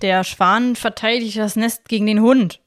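A woman voicing an agitated, foul-mouthed young male criminal who talks loud and rough. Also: mid-range voice, steady tone, a little slow, lightly acted. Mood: sullen.

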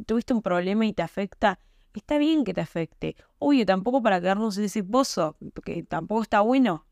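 A young woman hosting a podcast has a medium-pitched, darkish voice, recorded dry at studio quality. Speaking with an Argentine Spanish accent, she keeps her monologue casual and emphatic, full of rhetorical questions.

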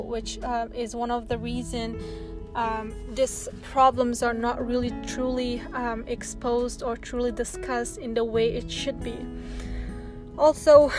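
Woman from Afghanistan, solo podcast, earnest and halting, flat delivery, music behind. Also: fairly high pitch. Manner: earnest, halting, many ums.

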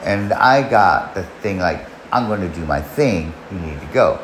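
This man in his forties tells a long personal story on his podcast, meandering and cursing with lots of restarts. His low voice is animated and fairly bright in tone, at a normal speed. The room echoes, and there's faint noise behind him.

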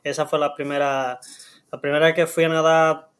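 A young man with a Dominican Spanish accent, a guest telling stories in a relaxed, chatty way and acting out sounds. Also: fairly high pitch, normal speed. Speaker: guest, Olympic swimmer. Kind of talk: casual storytelling.

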